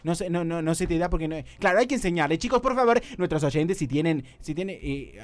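Rioplatense guy hosting a comedy radio show, quick and bouncy, teasing, stumbles and repeats words. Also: a little high, animated, dry recording. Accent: Rioplatense Spanish.

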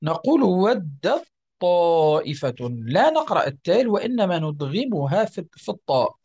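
A Quran recitation teacher gives a tajweed lesson. The teacher explains each rule patiently, repeats points, checks that students follow, and slows down to recite examples. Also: medium pitch, big pitch swings, a little mellow, breathy edge, muffled recording.

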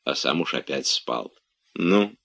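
A man narrating a classic novel as an audiobook in a measured, expressive storytelling voice. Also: very deep voice.

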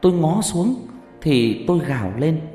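A man narrating a horror story in a hushed, suspenseful way. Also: fairly high pitch, sing-song, moderate pace. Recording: reverberant hall with background music.

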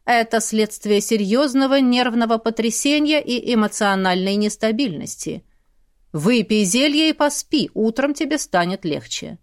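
A woman voicing a calm young man, the heroine's brother, speaking in a measured, clinical way. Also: on the high side, lightly acted.

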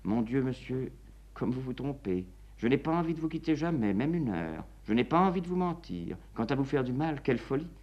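A man's voice: mid-range voice, sing-song, brisk, a little mellow, highs cut off, lightly acted. A young woman eloping at night, voiced by a man reading, her voice lifted and plaintive. She sounds uneasy but holds her ground firmly. The delivery suits a one-man stage reading. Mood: tender.

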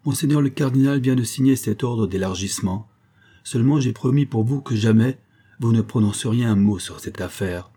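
A man reading the part of a stiff, cold old provincial nobleman who speaks gravely and severely. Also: medium pitch, normal speed, dark tone, lightly acted.

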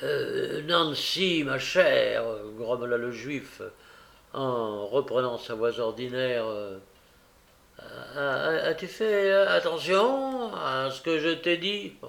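A man reading a novel aloud and voicing a crafty, scheming old male thief who swings between soft coaxing and loud rage. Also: medium pitch, slow, gravelly. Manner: shifts from wheedling murmurs to loud raging outbursts. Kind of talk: audiobook character reading.

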